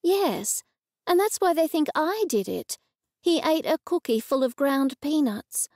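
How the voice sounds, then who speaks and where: An anxious middle-aged heroine in an audiobook, voiced by a woman narrator. She talks raised and urgent, a touch higher than the narration. The voice has a gravelly edge and a dry, close sound. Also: big pitch swings, measured pace, a little mellow, no echo, heavily acted. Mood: worried.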